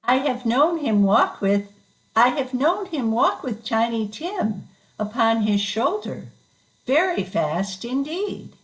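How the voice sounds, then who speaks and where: Woman reading as slow, expressive grieving mother. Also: a little high, low-quality recording. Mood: wistful. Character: grieving, tender working-class Victorian mother and wife. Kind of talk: dramatic reading of a classic story.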